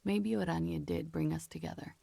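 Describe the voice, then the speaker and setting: A woman voicing a calm, guarded, world-weary young woman in a video game. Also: deep voice, fairly quick, vocal fry, no room sound, exaggerated voice. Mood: wistful. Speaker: game character.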